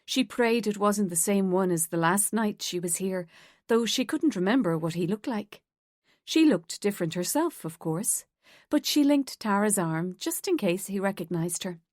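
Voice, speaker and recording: Female narrator, measured audiobook delivery, dry booth sound. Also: mid-range voice, no echo. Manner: steady, measured storytelling. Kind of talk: scripted narration.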